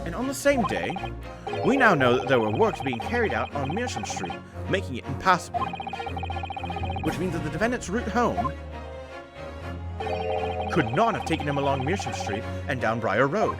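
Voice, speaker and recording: An earnest young Victorian defence lawyer, voiced by a game player, polite but firm. His formal delivery is animated at a medium pitch, with game music clearly behind. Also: normal speed, long pauses, close to an everyday voice. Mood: assertive.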